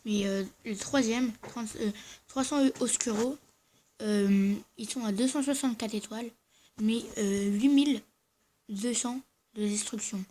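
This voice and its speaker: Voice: medium pitch, dark tone, a little hiss or hum. A speaker with braces slightly affecting their speech, giving casual, hesitant gameplay commentary and often correcting themselves. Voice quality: slurred, slightly odd speech from wearing dental braces. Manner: hesitant, halting, self-correcting. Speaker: gaming video host.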